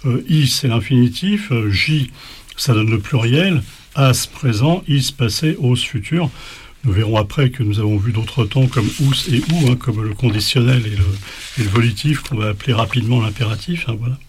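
A man's voice: mid-range voice, moderate pace, slight background noise. Hesitant man teaching a lesson. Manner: hesitant, many fillers and restarts. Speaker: language teacher. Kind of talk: casual spoken lesson.

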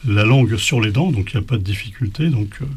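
A man's voice: fairly low pitch, fast, a little hiss or hum. A man teaching an informal spoken language lesson, hesitant, with many fillers and restarts.

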